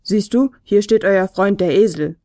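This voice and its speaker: A woman voicing a gentle, soothing large creature with big paws in a storybook tale. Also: medium pitch, moderate pace, no room sound, clean studio sound, natural voice. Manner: warm, soothing, calm.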